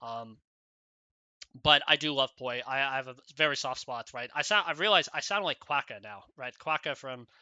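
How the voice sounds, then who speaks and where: A man's voice: mid-range voice, normal speed, bright, forceful tone, clear, resonant tone, no room sound, muffled recording. A man giving rambling solo esports commentary, casual, with many fillers and "right?" tags.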